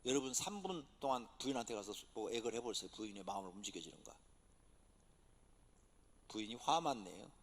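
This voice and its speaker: A pastor preaching a dramatic sermon, swinging from loud exhortation to near-whisper, recorded in a church sanctuary. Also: male voice, on the low side, expressive, brisk, pauses often, husky. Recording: long church hall reverb.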